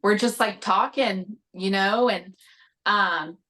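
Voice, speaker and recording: A woman's voice: mid-range voice, takes it slowly, sharp tone. A woman telling a story in casual podcast chat, full of "like" and "you know". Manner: chatty, lots of "like" and "you know". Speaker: podcast guest.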